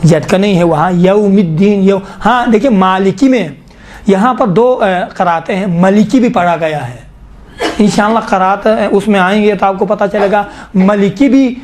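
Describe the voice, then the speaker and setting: A man teaches the rules of Quran recitation in a patient, explanatory lesson. His voice sits high, and he often stops to ask his students questions before demonstrating verses slowly. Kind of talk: online tajweed lesson with recitation examples.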